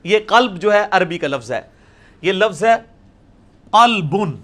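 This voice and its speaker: A man's voice: high voice, lively intonation, a bit bright. A middle-aged man, teaching a class at a blackboard and explaining patiently with questions to the audience. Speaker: religious teacher. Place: indoor lecture room with a blackboard.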